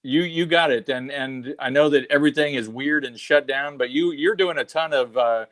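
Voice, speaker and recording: A man's voice: mid-range voice, fairly bright tone. A middle-aged man hosting an interview, chatty and full of stories, often starting over mid-sentence. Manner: chatty, storytelling, halting restarts. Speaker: show host. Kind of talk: casual interview chat.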